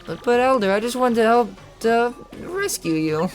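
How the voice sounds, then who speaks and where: A man's voice: very high-pitched, lively intonation, normal speed, soft background music, pitched above the performer's own voice. A man voicing an earnest young boy who pleads and explains eagerly in a video game. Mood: pleading.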